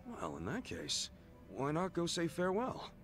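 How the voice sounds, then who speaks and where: A man's voice: on the high side, wildly swooping pitch, normal speed, vocal fry, fairly bright tone, soft background music, heavily acted. An actor playing a blunt, loyal and friendly street guy in a video game drama. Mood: encouraging.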